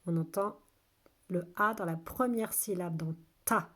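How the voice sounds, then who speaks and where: A woman teaching a phonics lesson to young children, saying each word slowly twice in an exaggerated way, patient and clear. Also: medium pitch. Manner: slow, exaggerated word pronunciation. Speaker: kindergarten teacher.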